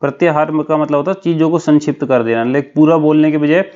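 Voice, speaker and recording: A man's voice: on the high side, steady tone, fast, warm tone, dull audio. A man teaching a lesson for an exam, explaining step by step with a memory story and often checking in with his listeners.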